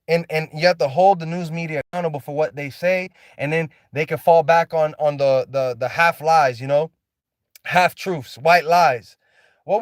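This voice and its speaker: A vlogger sits inside a car for an unscripted driving monologue, ranting passionately in a preachy tone and repeating and restarting as he goes. His voice is a little high, and the sound is studio quality with no echo.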